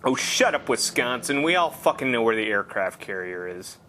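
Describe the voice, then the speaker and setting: A man's voice: medium pitch, sing-song, normal speed, sharp tone, slight background noise. A man giving casual gameplay commentary, rambling and sarcastic with heavy swearing.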